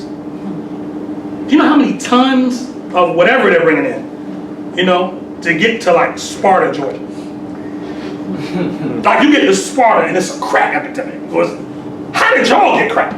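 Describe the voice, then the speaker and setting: Casting: man in his forties, high-pitched, streetwise sermon delivery, recorded from afar. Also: recorded from a distance. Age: 40s. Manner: streetwise, peppered with "you know what I'm saying". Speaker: temple sheik. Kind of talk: conversational sermon. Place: temple hall. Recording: echoey room, mic from afar, hissy.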